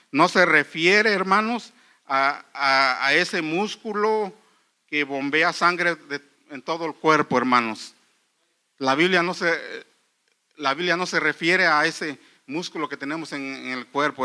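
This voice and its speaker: A middle-aged man preaching a sermon in church, earnest and halting, often restarting phrases and calling the listeners brothers. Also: a little high, pushed and bright, clean tone. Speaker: pastor.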